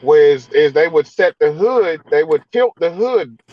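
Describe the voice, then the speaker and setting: A man's voice: a little high, animated, dry recording. Laid-back man, raised voice, lo-fi sound. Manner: laid-back, drawn-out, repeats phrases. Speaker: host. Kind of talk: casual car chat.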